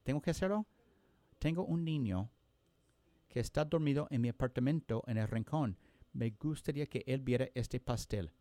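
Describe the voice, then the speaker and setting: A man voicing a humble young woman who asks softly and hesitantly, as though pleading. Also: mid-range voice, normal speed, dry recording, natural voice. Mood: hopeful pleading.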